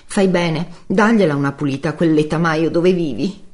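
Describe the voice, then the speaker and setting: A man putting on a high, snapping, combative woman. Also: normal speed, natural voice. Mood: sneering. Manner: scolding, snapping, shouts when angry. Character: sharp-tongued quarrelsome woman, a divorced mother. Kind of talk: audiobook reading.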